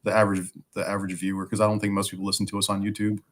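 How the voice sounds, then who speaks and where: A man chatting casually as a guest, his voice raspy like a smoker's and hoarse from bronchitis, as he fights back a cough. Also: on the low side, monotone, racing. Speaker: guest, firefighter and podcaster. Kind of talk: casual chat.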